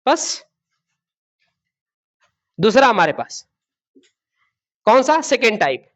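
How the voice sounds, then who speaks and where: Speaking slowly but with great animation, this male teacher has a very high-pitched voice as he runs a classroom grammar lesson. He asks the class questions, repeats key words, and addresses pupils as babu and beta, all captured in dull lo-fi sound.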